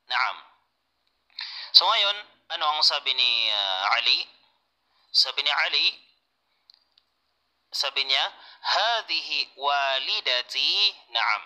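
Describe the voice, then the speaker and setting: A man's voice: medium pitch, slow pace, pauses often, pushed and bright, poor audio. A man teaching an Arabic lesson, patiently repeating points and answering students' questions. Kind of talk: online class lecture.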